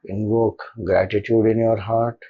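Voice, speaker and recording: A low-pitched man, Indian in accent, guides a meditation as a spiritual teacher, keeping his tone calm and gentle and pausing with intention. The recording has its high frequencies cut off.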